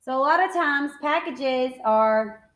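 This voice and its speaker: A high-voiced woman teacher reads a picture book aloud to young children at a slow pace. She uses simple, child-directed phrasing, sounding expressive and encouraging, and mixes the storytelling with explanatory asides and questions to the kids.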